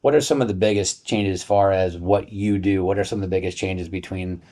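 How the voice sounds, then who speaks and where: A man's voice: deep voice, fairly even intonation, warm tone. A man hosting an interview, chatty and asking questions with frequent restarts and asides. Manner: chatty, restarts his sentences, quick asides. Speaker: host. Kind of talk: casual interview conversation.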